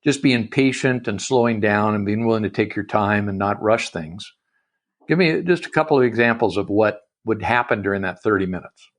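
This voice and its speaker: A man hosting a casual podcast interview, animated, often restarting sentences and affirming with "yep" and "right". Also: on the low side, normal speed.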